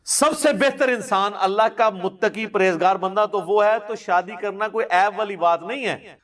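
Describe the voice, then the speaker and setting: A man speaks in a somewhat high voice, answering questions as a religious scholar. His talk is emphatic and explanatory, and he walks through points with examples, as if teaching a gathering. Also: fairly bright tone.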